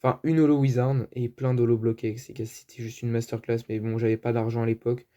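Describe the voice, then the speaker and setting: Dark-toned French man chatting casually. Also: mid-range voice, level tone, quick pace. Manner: chatty, hesitant, many fillers. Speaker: card collector vlogger. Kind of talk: casual show-and-tell.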